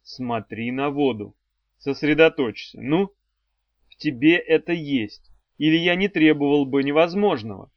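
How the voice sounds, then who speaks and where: A man's voice: on the high side, expressive, unhurried, dry recording. A man voicing a sardonic demon swordsman. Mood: commanding. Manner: mocking, commanding, dry threats. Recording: dry, slightly dull audio.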